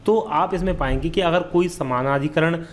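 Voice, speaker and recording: A man's voice: on the high side, moderate pace. A man teaching a grammar lesson for exam preparation, patiently repeating key terms and asking and answering his own questions. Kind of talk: exam-prep lesson explaining quiz answers.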